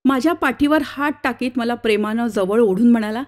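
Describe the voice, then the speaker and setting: A woman's voice: brisk, darkish tone. A woman narrating a short story aloud, voicing each character's dialogue herself. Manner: shifts pitch for different characters' dialogue.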